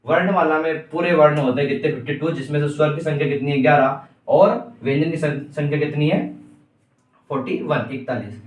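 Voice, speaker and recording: A man's voice: fairly high pitch, fairly even intonation, brisk, far from the mic. A man teaching a grammar lesson for exam prep, asking the class questions and answering them himself. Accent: Indian Hindi. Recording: echoey room, voice from off-mic.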